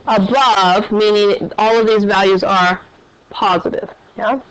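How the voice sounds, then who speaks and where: A woman's voice: medium pitch, fairly even intonation, a little slow. A woman math teacher lecturing a class and quizzing her students with questions as she goes. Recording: dull, lo-fi classroom recording.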